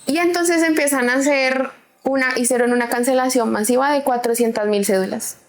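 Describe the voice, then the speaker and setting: A young adult woman, guest on an interview, telling a personal story in an animated way and acting out what others said. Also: high voice, brisk. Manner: animated, acts out quoted voices. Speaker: guest, cultural curator.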